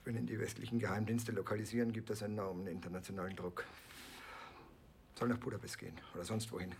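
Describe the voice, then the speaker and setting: A man's voice: on the low side, level tone, quick pace, noisy background, natural voice. An actor in a German film dub playing a stern, distrustful male state security official who speaks curtly. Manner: curt, authoritative.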